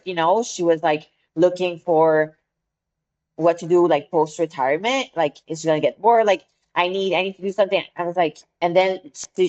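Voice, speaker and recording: A low female voice comes through a muffled recording. She co-hosts a podcast in easygoing chat, speaking English as a second language with a French accent, earnest and struggling to find her words.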